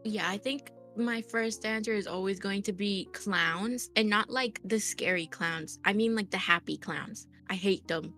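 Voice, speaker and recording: Young woman, casual chat, filler-heavy storytelling, mid pitch. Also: measured pace, few pauses, soft background music. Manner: animated storytelling with many fillers. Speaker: guest.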